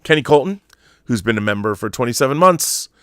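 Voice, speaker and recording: Fairly quick and lively in intonation, an American man with a mid-range, slightly bright voice hosts a livestream and reads viewer comments. He rambles casually with strong opinions, repeating phrases for emphasis. The audio is dry and studio quality.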